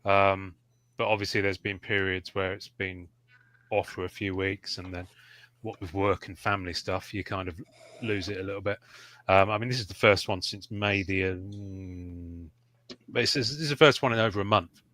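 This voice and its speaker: Man, from the UK, bright voice, casual host, dry teasing humor. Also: low voice, steady tone, normal speed. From United Kingdom. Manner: wry, teasing, with frequent fillers. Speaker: podcast host. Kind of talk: casual panel chat.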